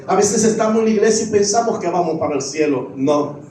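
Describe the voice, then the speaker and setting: A man's voice: high-pitched, animated, brisk, darkish tone. A middle-aged man, a pastor, preaching a sermon with repeated refrains. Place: church sanctuary. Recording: echoey church, voice from far off.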